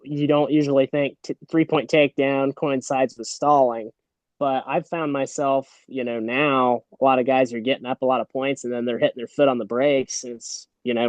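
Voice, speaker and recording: A man who works as a wrestling referee, explaining rules at length in a steady, matter-of-fact way during a casual interview. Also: medium pitch, no room sound, low-quality recording.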